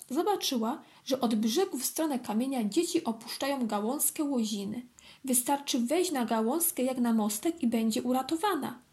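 A woman calmly and gently reading a children's story aloud. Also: fairly high pitch. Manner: calm, clear, gently expressive.

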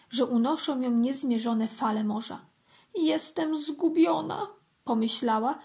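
A woman calmly and gently reading a children's story aloud. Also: a little high. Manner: calm, clear, gently expressive.

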